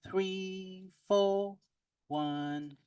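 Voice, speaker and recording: Man's voice, phasey metallic comb-filter playback, slow deliberate counting, dry. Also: sits high, steady tone, a little mellow, clear, resonant tone, dry recording, distant mic. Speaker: sound design teacher.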